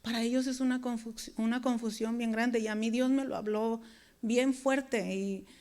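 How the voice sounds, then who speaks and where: A woman's voice: a little high, steady tone, normal speed, darkish tone. A woman preaching a sermon, talking to her congregation in an earnest, conversational way. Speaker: preacher and worship leader.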